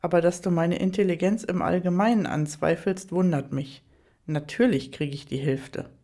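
A composed, sharp-tongued wife who has had enough, read by a woman. She speaks dryly and sarcastically in a low, mellow voice. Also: fairly even intonation, moderate pace. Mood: sarcastic.

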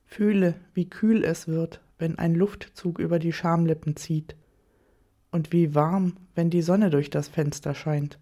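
A woman narrating an erotic audio story in the first person, reading slowly and softly. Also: on the low side, fairly even intonation.

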